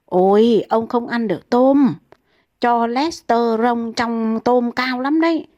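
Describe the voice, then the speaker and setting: A woman's voice: a little high, slow, darkish tone, no echo, lo-fi sound. Woman reading as a nagging old wife. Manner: nagging, insistent scolding. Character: fussing elderly wife, nagging and anxious.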